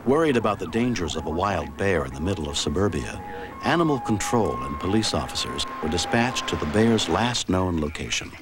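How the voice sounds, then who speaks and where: Deep voiced guy narrating a rescue tv show, music underneath. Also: expressive, fairly quick. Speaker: documentary narrator. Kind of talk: scripted true-story TV narration.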